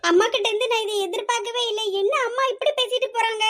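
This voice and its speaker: A woman voicing a stern, scheming middle-aged aunt with a sharp, scolding way of talking. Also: very high voice, fairly even intonation, fast. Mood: calm, wary. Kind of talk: hobby audio drama.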